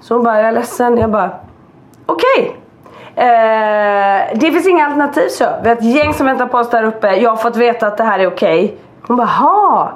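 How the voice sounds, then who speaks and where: A woman's voice: a little high, fairly even intonation. A woman co-hosting a casual podcast, chatty and self-mocking as she tells her side. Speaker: podcast co-host. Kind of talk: casual chat.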